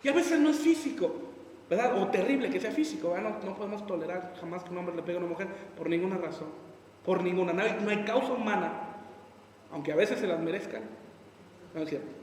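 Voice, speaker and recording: A man's voice: high-pitched, fast talker, darkish tone. A man preaching a sermon as a pastor, acting out people's excuses in quoted voices. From Mexico. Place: church hall. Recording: echoey hall from far off, faint noise.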